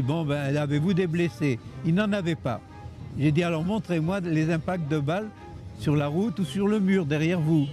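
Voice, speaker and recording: An older male eyewitness recounts his memories as testimony. His voice is on the high side for a man, with music in the background. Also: a little mellow. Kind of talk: testimony to camera. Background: faint music.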